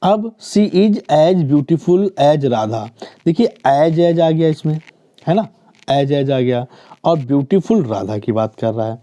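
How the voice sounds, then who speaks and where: A man's voice: medium pitch, warm tone. A man with a Hindi accent teaching a grammar lesson for exam students. He explains step by step and keeps checking "theek hai na?".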